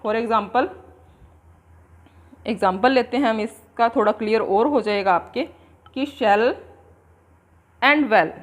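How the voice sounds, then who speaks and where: A woman with an Indian accent giving a coaching-class lecture, explaining in Hindi and slowly dictating English definitions word by word. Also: a little high. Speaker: English exam coaching teacher.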